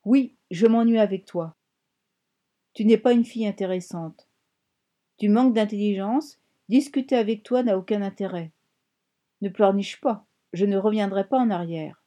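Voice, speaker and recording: A woman's voice: mid-range voice, normal speed, mellow, close to an everyday voice. A woman reading an audiobook, voicing a bossy, scornful sister who lives as a voice inside a girl's head and speaks in a hammering, mocking way.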